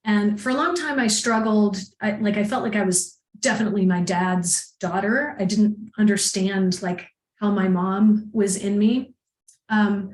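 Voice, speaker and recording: A woman coach as a podcast guest, telling personal stories in a chatty, animated way and laughing often. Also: medium pitch, unhurried. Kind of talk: casual conversation, personal storytelling. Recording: echoey room.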